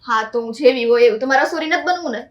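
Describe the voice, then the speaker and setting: A woman's voice: high-pitched, racing, muffled recording, natural voice. An actress playing a lazy, cheeky young daughter-in-law who mocks her elder sister-in-law and talks back. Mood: mocking. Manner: cheeky, mocking, drawling. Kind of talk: Gujarati family stage drama.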